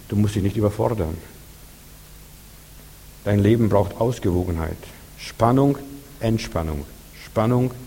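Male preacher, earnest and repetitive, low dark voice, long hall reverb, faint hum. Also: creaky. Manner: earnest, repetitive, addresses listeners directly. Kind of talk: sermon.

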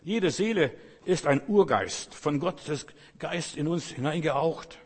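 A man's voice: fairly high pitch, expressive, a little slow, darkish tone, slightly rough, long reverb tail. A man preaching a sermon in German, fervently exhorting his listeners and speaking to them directly.

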